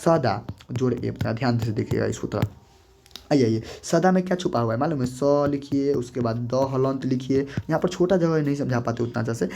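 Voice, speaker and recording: A man's voice: medium pitch, brisk, creaky, warm tone. A man teaching a grammar lesson, repeating steps and quizzing the listener as he goes. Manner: repetitive, coaxing, quizzes the listener. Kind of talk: board-explaining grammar lesson.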